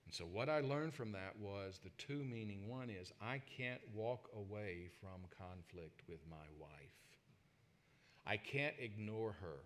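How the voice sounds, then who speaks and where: A man preaching a sermon, telling personal stories to his congregation and swinging between loud emphasis and quiet asides. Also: lowish voice, a little slow. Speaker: pastor.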